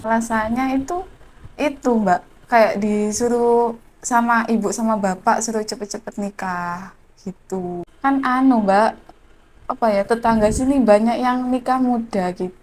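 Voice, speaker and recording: A woman's voice: fairly high pitch, a little slow, darkish tone. A young woman chats with an interviewer. She hesitates often, leaning on fillers as she talks. A faint outdoor hum sits behind her voice. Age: 20s. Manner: hesitant, filler-heavy chatty talk. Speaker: villager interviewed. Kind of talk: casual interview answers.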